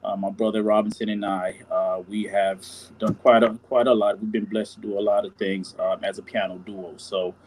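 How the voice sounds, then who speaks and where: A man from Haiti, a church music director, introducing himself on a live-stream panel in a soft, hesitant way with many fillers. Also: fairly low pitch, flat delivery, normal speed, few pauses, low-quality recording.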